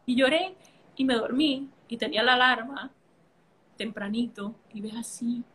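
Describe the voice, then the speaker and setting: On a podcast, a woman whose voice is on the high side and fairly bright talks at a moderate pace. Originally from a Caribbean island, she relates a personal story in casual conversation, emotional and colorful, with playful sounds in the gaps.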